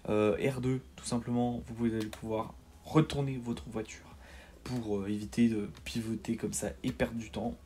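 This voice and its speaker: A man's voice: mid-range voice, little pitch movement, normal speed, mellow. A man giving a casual, hesitant voice-over tutorial for a video game, with many fillers and repeated words. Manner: self-deprecating. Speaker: gaming tutorial host.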